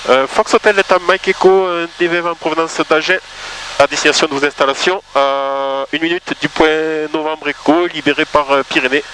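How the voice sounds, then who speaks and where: Male private pilot, slightly high voice, hesitant position reports over a noisy headset radio. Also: fairly even intonation, moderate pace, pushed and bright. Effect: pilot headset radio transmission. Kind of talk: aviation radio phraseology. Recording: noisy aircraft radio transmission.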